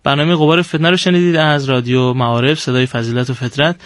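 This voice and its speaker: A man's voice: mid-range voice, dry recording, studio quality. A man hosting a radio program, speaking in a formal, courteous announcing manner. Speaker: radio host.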